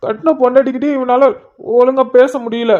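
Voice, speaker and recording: In a cartoon, a woman voices a tearful, sentimental young man reunited with an old friend, emotional, pleading and fond. Her high voice is mellow and lightly acted, fairly even in intonation and a little fast. The lo-fi audio sounds slightly muffled.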